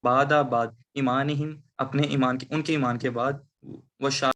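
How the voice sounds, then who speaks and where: A man reads verses aloud to his teacher over a video call. His voice stays level and monotone, and the bad connection keeps chopping the audio into dropouts. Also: mid-range voice. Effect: voice cutting out on a bad internet call. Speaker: student. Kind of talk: reading and translating verses in an online class.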